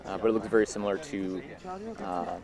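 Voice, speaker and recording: A man's voice: on the low side, brisk, a crowd in the background. An American man doing live sports commentary, explaining at an easy pace with frequent fillers. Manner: explanatory, relaxed, many fillers.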